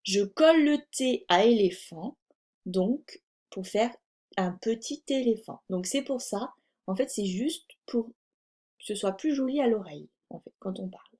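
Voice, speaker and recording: A woman's voice: mid-range voice, lively intonation, measured pace, mellow. A woman teaching young children in a French accent, patiently spelling out sounds and words one at a time. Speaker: primary school teacher. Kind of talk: slow, clear lesson for young children.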